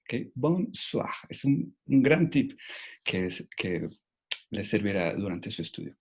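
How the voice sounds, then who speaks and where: A man's voice: fairly low pitch, lively intonation, a little slow, vocal fry, a little mellow, husky. A man teaching a French lesson online, patient and repeating key words. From Mexico.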